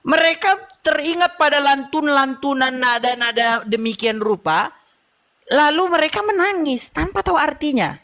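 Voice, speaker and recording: A woman's voice: high-pitched, lively intonation, moderate pace, a bit bright. A woman hosting a religious debate call, persistent and lecturing, telling anecdotes and laughing at her own points. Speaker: channel host in religious debate.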